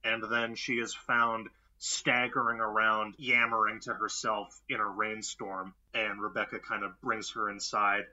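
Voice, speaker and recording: A man co-hosting a horror film podcast in casual chat, wry and quick to laugh. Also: lowish voice, flat delivery, pushed and bright, lo-fi sound. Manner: wry, laughs often, puts on mock voices. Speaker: podcast co-host.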